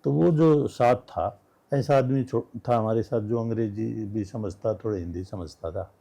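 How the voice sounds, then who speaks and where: A man's voice: on the low side, measured pace, gravelly, warm tone. An older man from Haryana, a guest telling stories in a casual interview chat. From Haryana, India. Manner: storytelling, acting out quoted dialogue. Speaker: guest writer.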